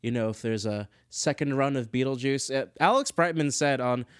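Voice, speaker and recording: A man's voice: mid-range voice, moderate pace, clear, resonant tone, dry recording, clean studio sound. A man hosting a casual solo commentary show, chatty and self-deprecating, wandering off on tangents. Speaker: podcast host.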